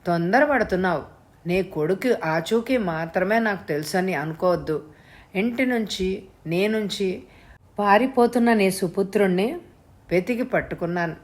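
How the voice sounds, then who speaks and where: Woman voicing a hoarse, scornful male kidnapper. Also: mid-range voice, natural voice. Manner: cool, scornful, unhurried.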